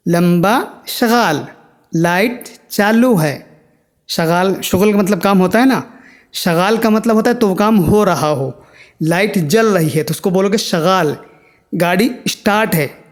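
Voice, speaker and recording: A man teaching Arabic words in a language lesson, saying each one slowly and repeating it. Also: high-pitched. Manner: drills words by slow repetition.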